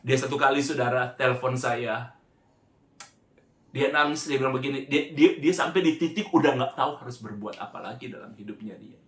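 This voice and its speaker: A man's voice: medium pitch, fairly quick, a bit bright. Guy preaching, gets really emotional, stops and restarts words, roomy echo. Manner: emotional, keeps addressing listeners as "saudara"; breaks off and restarts words when moved. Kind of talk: sermon storytelling.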